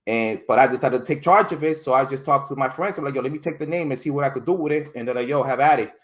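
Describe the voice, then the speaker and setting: A man's voice: mid-range voice, fast talker, a bit bright. A man chatting as an interview guest, telling his story in a loose, rambling way. He restarts words, leans on "like" and "you know", and livens up when he quotes other people. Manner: rambling, restarts words often, many fillers. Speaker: podcast guest. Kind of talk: casual interview chat.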